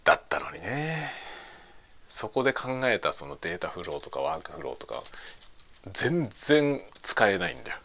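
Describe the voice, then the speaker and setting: Deep-voiced man in animated, grumbling casual chat. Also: normal speed, vocal fry. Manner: blunt, grumbling, often breaking into chuckles. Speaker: streamer chatting on a lunch break. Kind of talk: casual chat, venting about work.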